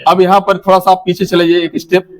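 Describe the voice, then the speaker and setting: Male teacher trainer with a fairly high voice, coaching a group through a game, directive and instructive. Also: little pitch movement, fast talker. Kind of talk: classroom activity instruction.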